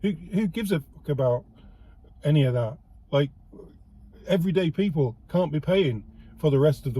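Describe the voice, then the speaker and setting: The host here is a man from the UK with a British accent and a slightly high, warm, husky voice. On his casual political commentary show he gets heated and sarcastic, tripping over words and saying them again.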